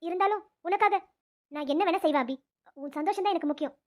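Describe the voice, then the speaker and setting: A woman's voice: very high-pitched, fast talker. A woman voicing an earnest young female doctor in a cartoon, speaking persuasively. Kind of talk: cartoon voice acting.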